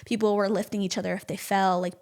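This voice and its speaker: A woman guest on a casual podcast, telling her story in an animated way and often saying "like". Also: medium pitch, quick pace. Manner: animated storytelling, heavy use of "like". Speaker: podcast guest, nonprofit advocate and activist.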